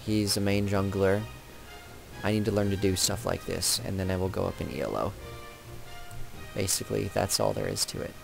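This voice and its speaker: A man's voice: low-pitched, moderate pace, gravelly. A young man giving casual, rambling commentary over his own video game match, often correcting himself. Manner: chatty, rambling, self-correcting. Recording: game music and sound effects behind.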